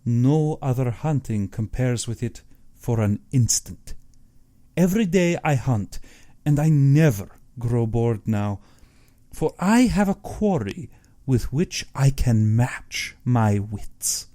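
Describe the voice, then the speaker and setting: In an audiobook, a man voices an older aristocratic general, a cold-blooded hunter who is urbane, boastful, and savours his own importance. His mellow voice swings widely in pitch with lively intonation, and his phrasing is slow, precise, and pompous. The mood is smug and relishing.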